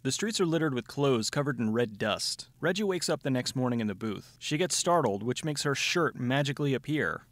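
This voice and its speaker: A man's voice: medium pitch, expressive, a little fast, few pauses, soft background music. A man giving a sardonic, scripted comedic movie recap as a show host, with dry wit. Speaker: film review show host. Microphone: close studio voice-over mic.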